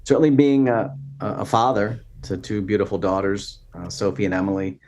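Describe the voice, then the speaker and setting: Earnest low-voiced man in his fifties. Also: steady tone, a little fast, darkish tone. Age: 50s. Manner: earnest, inspirational. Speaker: podcast guest. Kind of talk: casual interview talk.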